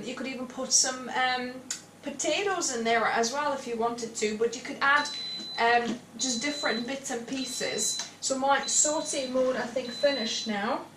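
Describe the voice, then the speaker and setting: A woman in her thirties hosts a casual cooking demonstration in an indoor home kitchen, her high-sitting voice a bit bright. She wears a clipped lapel mic, yet the recording sounds echoey, slightly distant and faintly noisy.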